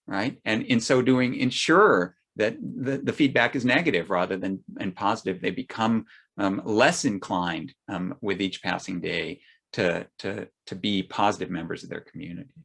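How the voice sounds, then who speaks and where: Male panelist, deep rasp, stop-start delivery. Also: fairly bright tone. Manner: halting, with fillers and restarts. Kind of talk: panel discussion.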